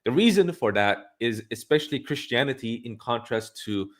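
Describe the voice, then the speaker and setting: A man's voice: medium pitch, expressive, normal speed. A man hosting a livestream, giving blunt, opinionated commentary and thinking aloud with frequent restarts. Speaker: livestream host.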